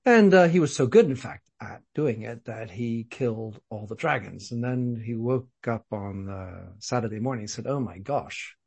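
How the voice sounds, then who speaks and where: A man with a posh English accent, a podcast guest telling a story in a thoughtful, measured way. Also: mid-range voice, animated, gravelly, a little mellow, slightly rough. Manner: thoughtful, measured, some repeated words. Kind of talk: conversational storytelling.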